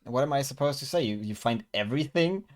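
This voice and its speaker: A man runs a tabletop game as game master, narrating scenes at a slow pace and often stumbling over fillers and false starts as he searches for words. He has an expressive, mid-range voice.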